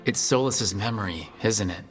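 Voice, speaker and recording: A man with a fairly low, natural voice, speaking at normal speed, acts as a kind, earnest hero leading a team in a fantasy video game. He sounds reassuring and supportive, and music plays behind the game dialogue.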